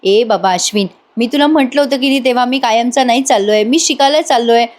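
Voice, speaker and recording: A woman's voice: a little high, fairly quick, lightly acted. A woman voicing a grown man, a caring older brother who coaxes and pleads with affection. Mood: pleading. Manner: coaxing, affectionate, emotional.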